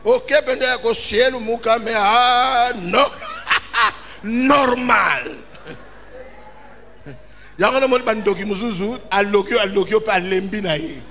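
A man's voice: sits high, slow pace, creaky, long pauses, bright, forceful tone. A man preaching a sermon as pastor in a church hall, impassioned and calling out in emphatic bursts. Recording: reverberant hall with faint ambience.

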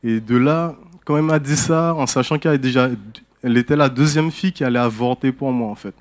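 A man's voice: medium pitch, quick pace. Man, candid and hesitant testimony, church setting. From French Guiana. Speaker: person giving a testimony. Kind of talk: spoken personal testimony.

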